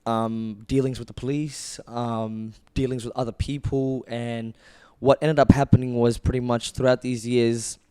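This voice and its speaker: A man's voice: medium pitch, level tone, unhurried, mellow, clean tone. A man in his twenties, originally from Ethiopia, earnestly and reflectively telling his own story as a clothing brand founder on a casual podcast. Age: 20s.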